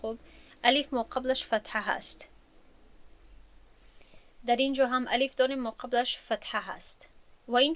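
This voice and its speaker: A woman's voice: fairly high pitch, fairly bright tone. Patient woman teacher. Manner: patient, explanatory, often restating points. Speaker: teacher of Quran recitation rules. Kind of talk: recorded classroom lesson.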